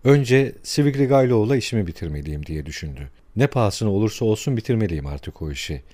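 Guy reading as a feverish young man, low dark brooding mutter. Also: very animated, fast, no echo. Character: young male student, feverish, tense and brooding.

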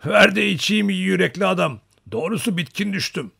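A man putting on a booming old Cossack hunter. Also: lively intonation, brisk, creaky, husky, heavily acted. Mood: jovial pleading. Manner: loud hearty shouting. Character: huge bearded old male Cossack hunter, booming and jovial.

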